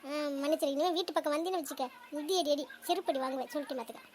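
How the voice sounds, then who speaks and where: A woman voicing a bossy older mother-in-law in a comedy cartoon, scolding in rapid-fire bursts. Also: high-pitched, a little mellow, a little hiss or hum, lightly acted. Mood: furious.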